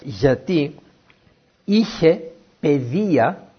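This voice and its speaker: A man giving a Bible teaching talk, a lively storyteller who asks his listeners questions. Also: on the high side, slightly rough. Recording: dull, muffled lo-fi recording.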